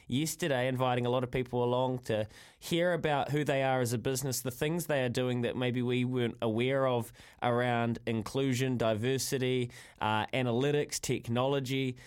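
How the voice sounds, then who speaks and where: Kiwi man hosting radio, mid-pitched voice. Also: a little mellow, clear, resonant tone. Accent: New Zealand. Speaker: radio host. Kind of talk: conversational sports radio talk.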